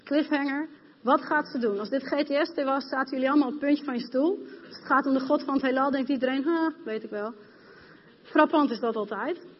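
A woman's voice: sits high, fast talker, slight background noise. Passionate woman preaching in a hall. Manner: passionate, addresses congregation directly. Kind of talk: sermon. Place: church hall. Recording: dull, reverberant hall sound.

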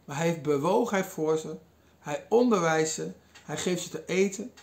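A man's voice: fairly high pitch, normal speed, vocal fry. A man giving a sermon, retelling a Bible passage in a storytelling way with some hesitations. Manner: storytelling, quoting figures in lively asides, some hesitations. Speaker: preacher.

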